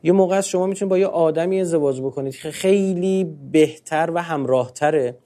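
A man with a fairly high voice gives a religious talk in an easy, conversational way. He keeps the listeners engaged with rhetorical questions that he answers himself. His speech stays informal and uses polite fillers. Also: dark tone.

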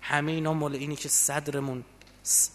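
A man delivers a religious sermon with a fairly high voice. He speaks fervently, sinking to quiet reflective passages and then climbing to loud emotional peaks. His voice carries the long, lingering reverb of a large hall. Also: flat delivery. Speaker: preacher.

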